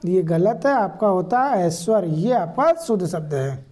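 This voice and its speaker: A woman's voice: on the low side, lively intonation, measured pace, dark tone. A woman teaching correct spellings for an exam, explaining each word patiently and repeating the right answers. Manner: repetitive, explanatory, addresses viewers directly. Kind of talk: spelling lesson for exam prep.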